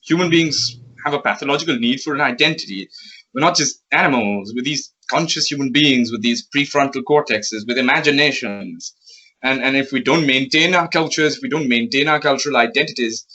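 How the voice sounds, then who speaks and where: A man speaks as an interview guest in a bright, forceful voice, articulate and thoughtful, often laughing. His mid pitch is steady. The recording sounds slightly dull and muffled. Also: a little fast. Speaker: interview guest, magazine editor. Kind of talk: casual interview conversation.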